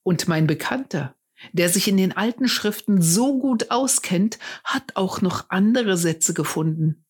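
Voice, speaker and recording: A woman reading the part of an earnest adult male shepherd who tells his friends about an old prophecy, speaking slowly and with care. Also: medium pitch, animated, husky. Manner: slow, earnest storytelling.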